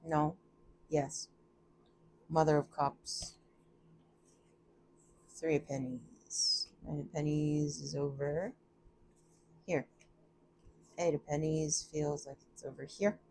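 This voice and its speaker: A woman's voice: low voice, fairly even intonation, slow pace, long pauses, a little mellow, slight background noise. A woman giving a casual, chatty tarot reading from a room at home, thinking aloud and often laughing at herself. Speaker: tarot reader.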